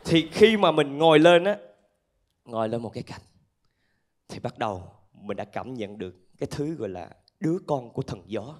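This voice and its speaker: A man with a southern Vietnamese accent performing animated stand-up storytelling to a live audience through a handheld microphone. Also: mid-range voice, normal speed. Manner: animated storytelling with acted-out asides. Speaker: stand-up comedian. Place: theatre stage with laughing audience.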